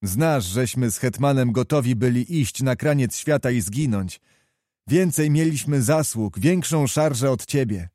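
A man's voice: mid-range voice, animated, measured pace, warm tone, no echo, studio quality, natural voice. A man voicing a stern older officer who speaks with impassioned, declamatory force. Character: stern older male officer, fiery patriotic orator.

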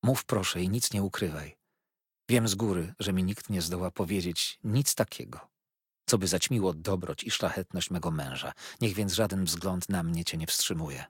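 A man voicing a gentle young wife who speaks softly and imploringly. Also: sits low, moderate pace, husky, no room sound, clean studio sound. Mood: earnest. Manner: soft, imploring.

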